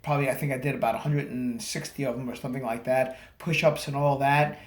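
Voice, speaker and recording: A man recording a casual video diary, halting and slightly groggy after surgery. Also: mid-range voice, steady tone. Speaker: vlogger. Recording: echoey room.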